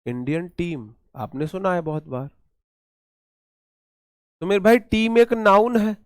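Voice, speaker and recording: A man's voice: high-pitched, very animated, takes it slowly, clean tone, no echo, clean studio sound. A man with an Indian accent teaching an exam-prep English grammar lesson, repeating key points and quizzing his students.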